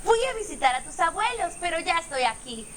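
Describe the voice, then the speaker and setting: A woman's voice: extremely high pitch, big pitch swings, fairly quick, a little hiss or hum, voice pushed up, full character voice. A woman voicing a loving mother elephant who speaks affectionately. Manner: warm and affectionate.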